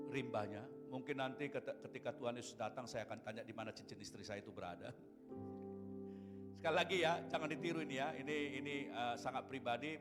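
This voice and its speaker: Storytelling pastor in a church. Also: male voice, mid-range voice, long reverb tail. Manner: storytelling, often addressing the congregation. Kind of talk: sermon with personal story.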